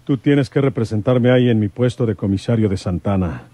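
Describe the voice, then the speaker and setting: In an old-time radio serial, an actor plays a folksy, brave rural lawman with a Mexican accent and rustic, colloquial speech, sounding fatherly and confident. His voice is lowish, a bit fast and close to everyday speech, with a crowd audible in the background.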